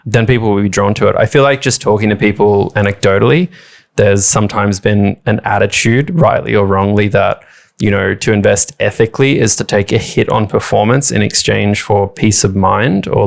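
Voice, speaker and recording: A man's voice: fairly low pitch, vocal fry. A man co-hosting a podcast, thinking aloud in a rambling, casual way. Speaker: podcast co-host.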